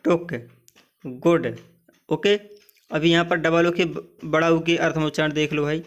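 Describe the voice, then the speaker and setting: A man's voice: on the high side, level tone, brisk, lo-fi sound. A man teaching English pronunciation in Hindi, reading out example words one at a time and asking the listener "what?" to repeat the point. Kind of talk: Hindi-language lesson explaining English vowel sounds.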